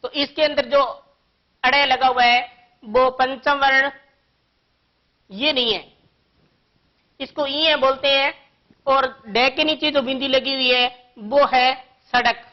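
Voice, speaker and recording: A woman teaching a grammar lesson to young children, explaining patiently and slowly with one example after another. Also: high-pitched, fairly even intonation, dull audio.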